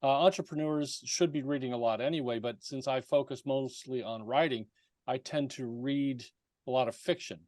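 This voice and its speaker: A man's voice: medium pitch, moderate pace, a little mellow, dry recording. A man guesting on an interview podcast, talking about his writing work in an easygoing, joking way with fillers. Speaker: guest, content writer. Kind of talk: casual interview chat.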